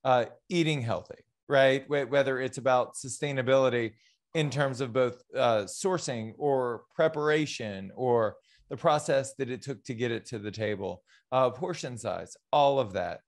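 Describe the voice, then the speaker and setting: A man's voice: medium pitch, moderate pace. Upbeat man hosting over video. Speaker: town hall host. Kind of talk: casual interview. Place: home studio, indoors. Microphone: boom microphone on video call.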